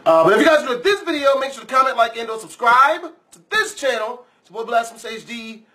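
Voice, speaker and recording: Male reaction host, high-pitched and bright, blunt casual swearing, music behind. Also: animated, quick pace. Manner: profane, blunt. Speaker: YouTuber, reaction video host. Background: music and horror game video audio.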